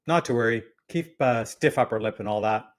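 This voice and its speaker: A man's voice: mid-range voice, a little fast, close to an everyday voice. A man voicing a breezy, wealthy young British heir with a put-on upper-class British accent and a clipped, offhand way of talking. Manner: clipped and offhand, tossing in "old chap".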